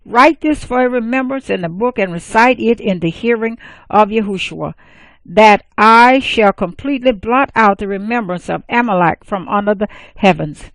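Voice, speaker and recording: A woman reading the words of God, a male deity giving commands, in a steady, solemn scripture-reading voice. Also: mid-range voice, normal speed, no room sound, natural voice, poor audio. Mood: commanding.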